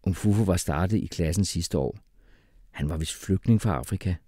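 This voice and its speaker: A man narrating a children's storybook in a lively, expressive way. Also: sits low, no echo, clean studio sound. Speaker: audiobook reader.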